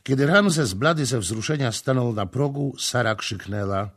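A man narrating a literary audiobook in a slow, deliberate storytelling manner. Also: mid-range voice, animated, a bit bright.

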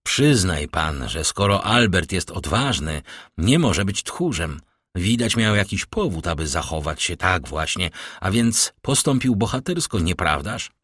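A man's voice: low-pitched, very animated, a bit bright, no echo, clean studio sound, heavily acted. A man reading a suave, courteous nobleman. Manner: smooth, courteous and measured. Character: suave worldly nobleman, calm and gently teasing. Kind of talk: audiobook character reading.

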